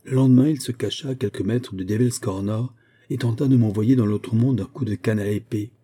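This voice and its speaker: A man reading an adventure story aloud in a measured, even storytelling manner. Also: fairly low pitch, breathy edge. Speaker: audiobook reader. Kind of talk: scripted narration.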